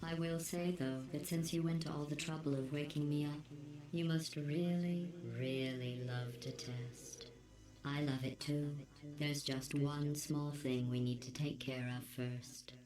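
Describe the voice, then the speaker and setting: A woman voicing a cold, sarcastic female computer that runs a test lab, calm and insulting, with a robotic processed sound. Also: sits low, unhurried, over music. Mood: deadpan sarcasm. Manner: deadpan, passive-aggressive, insulting in a calm even tone. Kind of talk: video game dialogue. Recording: echoey game audio with steady hum.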